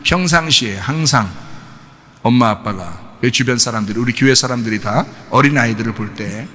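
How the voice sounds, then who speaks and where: A man preaching a sermon as pastor, animated and folksy, acting out family quarrels and dropping into casual speech. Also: medium pitch, moderate pace, big-room sound. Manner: folksy, shifts between polite and casual speech. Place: church sanctuary.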